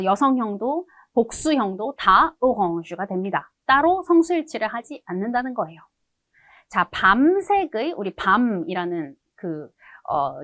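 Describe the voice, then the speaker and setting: A woman's voice: fairly high pitch, dry recording. A woman teaching an online language lesson who explains patiently, uses fillers and asks and answers her own questions. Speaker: French teacher.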